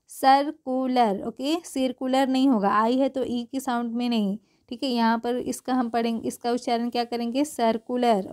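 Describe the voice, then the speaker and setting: A woman teaches English pronunciation, her voice sitting a little high. She stretches out each spelled letter and keeps checking in with the learner through rhetorical questions and a steady stream of "okay". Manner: slow, drawn-out spelling of letters. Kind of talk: explaining pronunciation rules.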